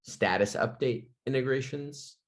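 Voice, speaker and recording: A man co-hosting a podcast in casual chat, speaking haltingly with many "um" and "like" fillers. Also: mid-range voice. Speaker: podcast co-host.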